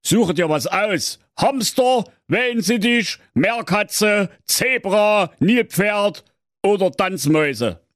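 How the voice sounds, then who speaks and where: A blunt, hard-hearted fairy-tale father lectures in a raised, lively voice, as a man puts him on. He scolds with plain bluntness. The sound is dry and close. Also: high-pitched, slow pace, dry recording, pitched above the performer's own voice, heavily acted. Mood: lecturing. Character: gruff hard-hearted middle-aged cheese-carver father. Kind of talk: comic fairy-tale parody.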